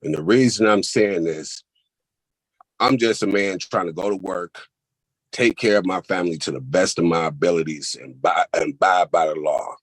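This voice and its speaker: A man's voice: sits low, normal speed, no echo, poor audio. A man giving an emotional victim impact statement to a court over a video call, heated, emphatic and repeating himself.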